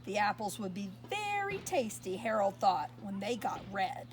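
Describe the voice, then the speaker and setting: A woman reading a picture book aloud to young children, expressive and pausing to ask her listeners questions. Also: medium pitch, a little hiss or hum. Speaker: storyteller.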